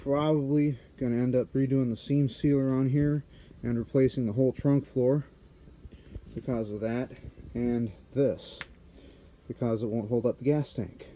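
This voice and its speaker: A man in a garage narrating his car restoration in a casual, halting way, his voice muffled by a respirator mask. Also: medium pitch, mellow, slight background noise. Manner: halting, many fillers while working. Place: auto body garage.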